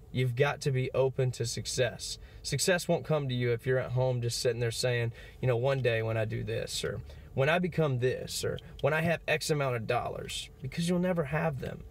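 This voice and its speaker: A man in his twenties giving an earnest, encouraging motivational talk to camera, with fillers like "you know". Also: mid-range voice. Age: 20s. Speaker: motivational vlogger.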